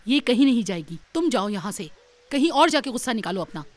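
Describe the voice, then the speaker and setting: एक अभिनेत्री एक तेज़-तर्रार, रक्षा करने वाली भाभी का किरदार निभाती है, व्यंग्य भरे लहजे में।. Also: female voice, on the high side, big pitch swings, fairly quick. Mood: defiant. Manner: sarcastic, defiant. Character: protective, sharp-tongued sister-in-law. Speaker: sister-in-law. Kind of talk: television drama acting.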